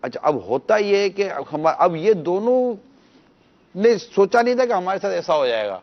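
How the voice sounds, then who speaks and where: A man's voice: sits high, very animated, lo-fi sound. A man speaking as a religious scholar on a TV panel, earnestly pleading with viewers and teaching through parables.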